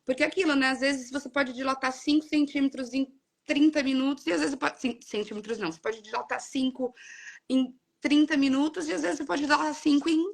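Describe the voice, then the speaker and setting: Young woman, kinda high voice with a gravelly fry, earnest storytelling vibe. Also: steady tone, fairly quick. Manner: earnest, emotional retelling with many quoted exchanges. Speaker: guest sharing her birth story. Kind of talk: casual conversational storytelling.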